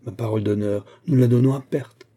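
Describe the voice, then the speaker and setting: A man's voice: mid-range voice, fairly even intonation, brisk, dark tone, natural voice. A man voicing a charming male store owner who persuades his customers cheerfully. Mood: persuasive.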